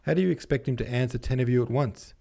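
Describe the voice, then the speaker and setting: A man voicing a loyal, level-headed young prince, reasoning calmly. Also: medium pitch, fast talker, creaky, voice pushed up. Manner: reasoning, calming.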